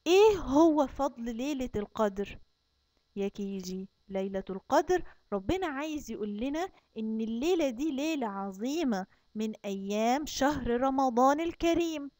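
A woman with an Egyptian accent teaching young children, drawing out her recitation slowly and explaining quickly between verses. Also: high voice, a little mellow, no echo. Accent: Egyptian Arabic. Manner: slow, drawn-out recitation with fast explanations between. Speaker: kindergarten Quran teacher. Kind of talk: recorded online lesson for young children.

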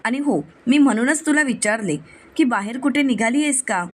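A woman's voice: a little high, moderate pace, natural voice. A woman voicing a stern middle-aged mother-in-law in a plain read-aloud voice. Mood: scolding.

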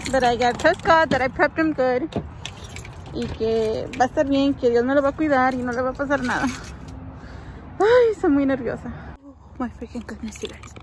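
A woman's voice: high-pitched, expressive, normal speed, slight background noise. A woman vlogging in a casual, chatty way, switching between Spanish and English mid-sentence and talking straight to her viewers. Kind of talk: casual vlog chat.

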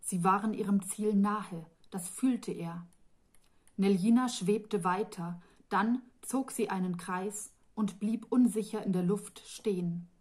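Slow, calm woman reading a fantasy novel. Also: mid-range voice, slightly rough. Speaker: author reading her own novel. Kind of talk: audiobook fantasy narration.

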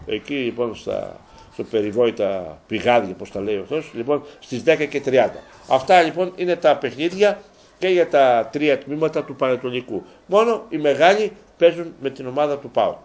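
A man hosting a local TV sports show, talking casually to viewers. He rambles, repeats himself and gets loud and worked up when he rants. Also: mid-range voice. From Greece. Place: local TV studio.

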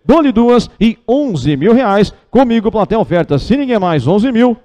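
A Brazilian man working as an auctioneer, calling bids in a rapid, repetitive auction chant with rhythmic, insistent runs of figures. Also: sits high, very animated, warm tone. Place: car auction with a live and online audience.

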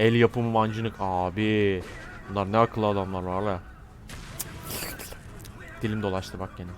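A man with a Turkish accent commentating on a shooter game, swearing constantly and shouting battle cries at the screen. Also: fairly low pitch, slight background noise. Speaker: gameplay commentator. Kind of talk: profane gameplay commentary.

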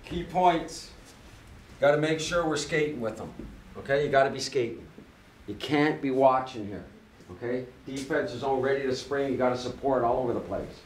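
A man's voice: mid-range voice, moderate pace. Male coach's pep talk, roomy and distant. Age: middle-aged. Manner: plain-spoken, encouraging. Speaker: ice hockey coach. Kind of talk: locker-room pep talk to the team. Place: team locker room. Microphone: camera mic at a distance. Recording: roomy, distant, faint noise.

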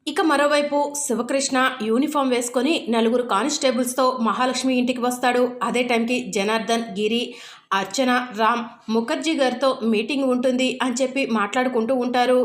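High-voiced woman retelling a serial. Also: a little fast, reverberant. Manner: steady retelling with repeated "అని చెప్పి". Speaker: serial recap narrator. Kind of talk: storytelling recap.

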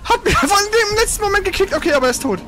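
Talking fast over clearly audible background noise, an excitable gamer casually commentates on their own gameplay. Their pitch jumps around a lot, and the colloquial language is full of exclamations and mild swearing.

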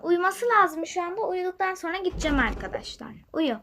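A young woman hosting a gaming channel, chatting to her viewers as she plays, moving from hushed whispers to loud, excited calls. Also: very high voice, brisk, background noise. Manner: lively, talks to viewers, jumps between loud excitement and quiet whispers. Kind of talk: chatty gameplay commentary.

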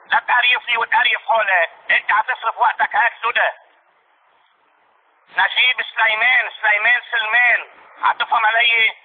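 A man doing a shrill, foul-mouthed Lebanese hothead on the phone. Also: level tone, brisk, a little hiss or hum. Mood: insistent. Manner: repetitive, insistent, hurling insults. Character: hot-tempered foul-mouthed man who denies owing money. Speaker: prank caller. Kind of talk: prank phone call. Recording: tinny phone line.

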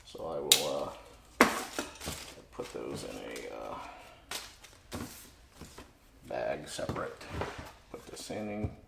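A man's voice: extremely low pitch, very animated, slow pace, creaky. Chatty man in an echoey garage workshop. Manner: chatty, thinks aloud with many uh fillers. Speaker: woodworking channel host. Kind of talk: casual tool review vlog. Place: home garage workshop, indoors. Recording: echoey garage with loud background noise.

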